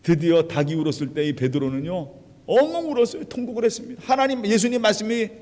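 Korean pastor preaching in a reverberant hall. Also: male voice, sits high, fast talker. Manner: dramatic retelling, acting out quoted lines with big swings in loudness. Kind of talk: sermon. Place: church sanctuary.

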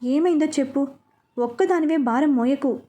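A woman voicing a caring, protective older brother who reassures gently, in a storybook reading. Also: high-pitched, moderate pace, close to an everyday voice. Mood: gentle.

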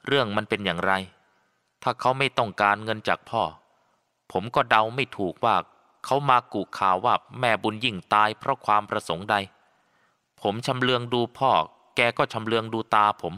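Bright, crisp male audiobook narrator. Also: fairly low pitch, normal speed. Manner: steady, storytelling. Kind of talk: scripted first-person story narration. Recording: long reverb.

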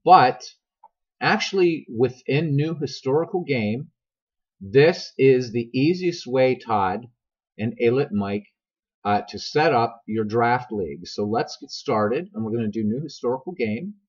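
A middle-aged man with a husky smoker's rasp, giving a casual, rambling game tutorial and talking directly to his viewers. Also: medium pitch, animated, measured pace. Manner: conversational, digressive, addresses viewers directly. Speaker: video game tutorial host. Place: voice-over recorded over screen capture. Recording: dull, lo-fi microphone sound.

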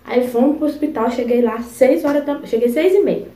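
A young woman vlogger telling a personal story in a chatty, expressive way, full of asides. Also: sits high, normal speed, reverberant. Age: young adult. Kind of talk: casual storytelling.

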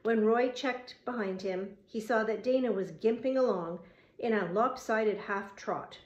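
A woman narrating a novel as an audiobook, in a steady, measured storytelling manner. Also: on the high side, muffled recording. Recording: roomy echo.

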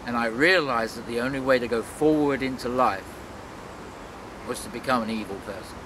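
Outdoors in a leafy city park, with noisy ambience around him, an older Londoner in his sixties reflects on his travels for an interviewer's camera. He speaks at normal speed in a mid-range voice.

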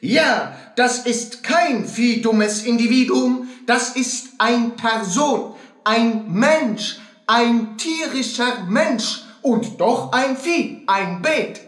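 A man plays a pompous fairground showman in a German radio play, presenting a learned horse to a crowd. His exaggerated voice is very high-pitched, animated, extremely slow, a bit bright and reverberant. He barks bombastically in broken grammar, showy and grandiose.

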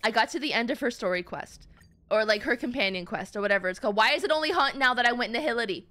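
Quick-paced and fairly high-pitched, a woman game streamer keeps up a casual, chatty stream over gameplay. She's playful and animated, calling out to her "gamers" and "guys" over the game music.

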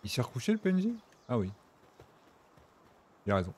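A man streaming a video game, chatting casually with his viewers and breaking into excited exclamations. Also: mid-range voice, a little fast, husky. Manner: chatty, talks to chat and game characters. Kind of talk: casual gameplay commentary.

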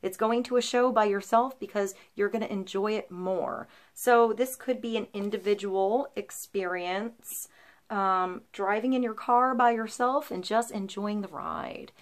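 Seated in front of a painted wooden backdrop in a small room, the tarot reader, a woman in her thirties, speaks a little slowly in a medium-pitched voice. Her intuitive reading to camera flows reassuringly, filled with frequent ums and likes.

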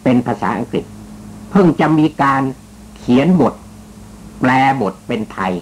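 A man's voice: mid-range voice, animated, unhurried, slight background noise, poor audio. A man hosting a talk show, telling a story with teasing jokes in a casual, polite manner. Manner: joking, teasing, chatty storyteller; polite, with frequent particles. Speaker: radio talk host. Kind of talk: casual spoken commentary.

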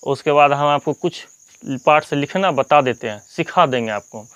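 A man, hosting a slow, patient reading lesson and repeating each point. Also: on the high side, fairly bright tone, smooth, no echo, lo-fi sound. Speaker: teacher and channel host.

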